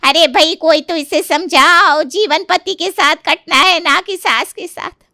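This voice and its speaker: A woman voicing an anxious middle-aged mother who nags and shouts at her daughter in a cartoon story. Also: mid-range voice, expressive, moderate pace, dry recording, studio quality. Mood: angry scolding. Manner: loud, shouting, nagging. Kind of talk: cartoon voice acting.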